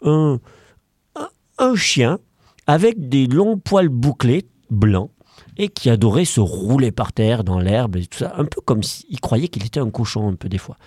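A man improvising a bedtime story for a child at home, playful and animated with small hesitations. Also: mid-range voice, moderate pace, husky, dry recording, studio quality. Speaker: parent telling a bedtime story.

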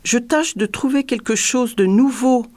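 A woman's voice: a little high, measured pace, a little mellow, dry recording, pitched above the performer's own voice, natural voice. A woman doing a dazed, meek dwarf jester. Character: drunk, bewildered dwarf jester, man.

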